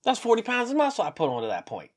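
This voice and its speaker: A man in his thirties telling a personal story to camera in a casual, animated way, acting out what people said. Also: rapid-fire. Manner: animated, acts out quotes with big pitch jumps. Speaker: vlogger.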